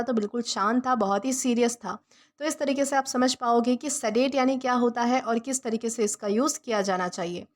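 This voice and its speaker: Woman teacher, high voice, patient step-by-step vocabulary lesson. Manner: repeats and rephrases each meaning patiently. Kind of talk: vocabulary lesson explained in Hindi.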